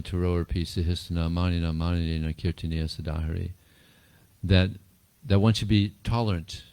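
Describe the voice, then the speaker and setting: Deep-voiced man giving a casual spiritual talk. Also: darkish tone, no echo. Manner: chuckles often, repeats words, rambling storytelling. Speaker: spiritual teacher answering questions. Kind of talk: informal talk and Q&A.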